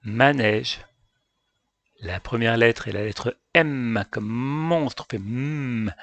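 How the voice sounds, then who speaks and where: A man teaching a phonics lesson for young children, calmly addressing parents and carefully sounding out each letter. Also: mid-range voice, slow, dry recording. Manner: addresses parents directly, calm and patient.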